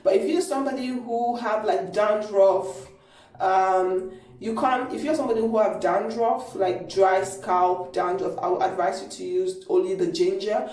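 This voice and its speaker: Woman on an echoey low-quality phone recording. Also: steady tone, unhurried, a little mellow, recorded from a distance. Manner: chatty and rambling, with many fillers and restarts. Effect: low quality phone stream. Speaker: hair care vlogger. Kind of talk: casual how-to vlog. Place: small echoey home bathroom. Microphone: mobile phone camera.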